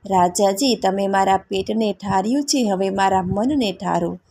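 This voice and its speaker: A woman storyteller voicing a young forest maiden who is devout and proud, with a gravelly voice. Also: medium pitch, normal speed, warm tone, natural voice. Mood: pleading. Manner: pleading, then cursing.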